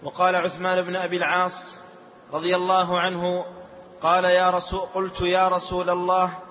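A man's voice: sits high, monotone, fairly quick, pushed and bright. A man reading a text aloud to the teacher in a chanting manner, away from the microphone. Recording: distant, echoey hall, lo-fi with faint noise.

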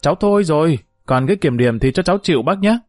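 A man's voice: fairly high pitch, lively intonation, fast talker, no room sound, soft background music, close to an everyday voice. A man voicing a bold, outspoken young village woman in a story reading, blunt and cheeky. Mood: defiant. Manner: blunt, cheeky, talking loudly.

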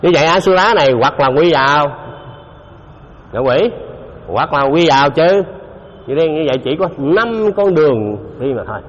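A man's voice: fairly high pitch, lively intonation, moderate pace, pauses often. A man giving a Buddhist dharma talk, speaking conversationally and often putting questions to his listeners. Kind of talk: dharma talk to a live audience. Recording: dull lo-fi recording in a reverberant hall.

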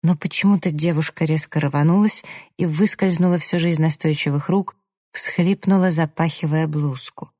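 Measured audiobook narrator. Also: medium pitch, fairly even intonation, a little mellow, no room sound, clean studio sound. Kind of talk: scripted narration.

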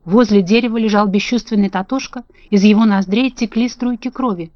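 A woman reading a children's storybook aloud in a calm, even narration. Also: medium pitch, fairly quick, dry recording. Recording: dull lo-fi dry audio.

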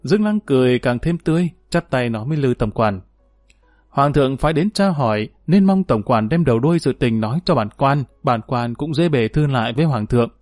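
A man's voice: medium pitch, lively intonation, fairly quick, darkish tone, dry recording, studio quality, soft background music. A man narrating a historical novel, reading steadily and lifting his voice when characters speak. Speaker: audiobook narrator.

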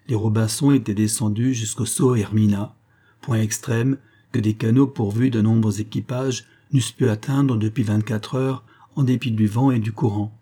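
A man reading a classic adventure novel aloud in a measured, even storytelling manner. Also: lowish voice, breathy edge. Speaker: audiobook reader.

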